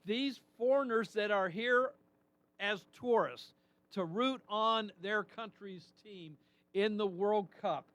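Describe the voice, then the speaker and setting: Man, talk radio host, high voice, slow deliberate delivery, dry close sound, indignant emphatic monologue. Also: a bit bright, no echo. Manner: indignant, emphatic commentary with rhetorical questions.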